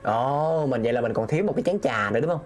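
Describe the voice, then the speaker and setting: A man's voice: mid-range voice, expressive, quick pace, over music. A man streaming a game, talking himself through puzzles and reading viewers' messages aloud. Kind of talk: live gameplay commentary.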